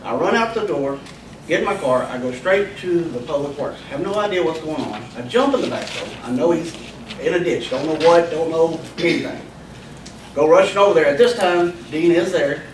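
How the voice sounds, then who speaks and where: A city public works worker telling a council step by step what happened, quoting what others said. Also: male voice, fairly high pitch. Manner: plain step-by-step retelling, quotes others. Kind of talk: recounting events at a council meeting. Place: council chamber. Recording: echoey room, distant, hissy.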